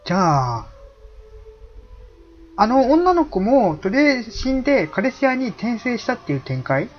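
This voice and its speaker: Relaxed, chatty playthrough commentator, slightly dull sound, music underneath. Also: mid-range voice, moderate pace. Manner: chatty, musing, many fillers. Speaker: game player commentator. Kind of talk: casual gameplay commentary.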